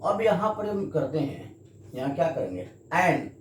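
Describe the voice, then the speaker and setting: A slow-talking man teaching a grammar lesson, his pitch rising and falling a great deal. He keeps asking the class questions and then answering them himself. His voice rings in an echoey room with some faint noise behind it. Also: big pitch swings. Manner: addresses students, asks and answers his own questions.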